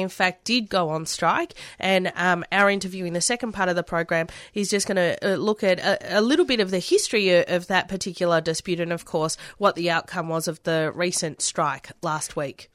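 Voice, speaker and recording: A woman co-hosting a community radio program, her voice a touch low. She talks briskly and playfully, rattling off contact details over a dry, close studio mic. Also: fairly bright tone, no echo. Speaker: radio co-host. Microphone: studio microphone.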